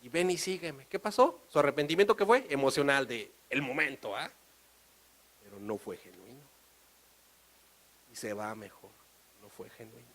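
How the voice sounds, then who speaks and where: A man with a Mexican accent preaching a sermon, animated and storytelling. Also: medium pitch, moderate pace, long pauses, low-quality recording. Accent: Mexican Spanish. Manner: animated, storytelling, acts out dialogue.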